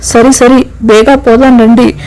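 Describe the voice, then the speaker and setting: A woman's voice: on the high side, little pitch movement, unhurried, darkish tone, natural voice, rough recording. A woman voicing a bold village woman who speaks in rustic, blunt, scolding talk.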